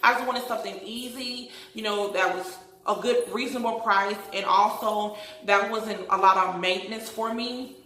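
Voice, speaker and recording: A bright-voiced woman talks with braces, giving her speech a noticeable lisp. She chats casually in a rambling vlog style, recorded in a roomy, echoey space. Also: medium pitch, fairly even intonation, moderate pace. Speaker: vlogger. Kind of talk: casual chatty vlog to followers.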